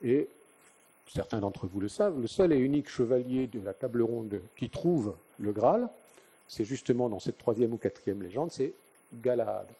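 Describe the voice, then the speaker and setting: At a conference venue, an older man from northern France gives a live lecture, telling stories in a conversational way and posing rhetorical questions. His mid-range voice is animated and slightly rough, with a dark tone and a normal speed.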